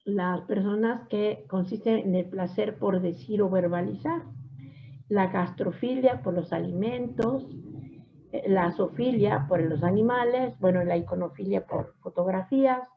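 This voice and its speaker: A woman psychology teacher giving a class lecture, often affirming with a soft "ujú" and asking her students questions. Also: medium pitch, unhurried, vocal fry, a little hiss or hum. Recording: dull lo-fi recording.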